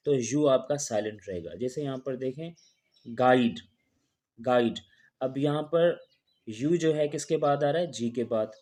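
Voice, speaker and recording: A man's voice: mid-range voice, dark tone. A man teaching an English pronunciation lesson, explaining rules step by step. He talks patiently, repeats each rule and example, and asks questions that he answers himself.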